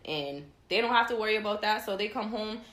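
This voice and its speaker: A woman co-hosting a podcast in casual chat, blunt and quick to act out her daughter's voice. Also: mid-range voice, lively intonation, a bit bright, echoey room. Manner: blunt, acts out her child's voice. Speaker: podcast co-host.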